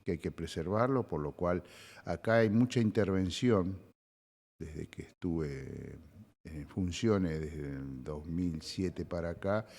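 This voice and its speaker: An older man from Argentina, a retired official answering interview questions in a halting way, with many fillers. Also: deep voice, dark tone, in a large hall. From Zapala, Neuquén, Argentina. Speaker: retired provincial oil official, guest.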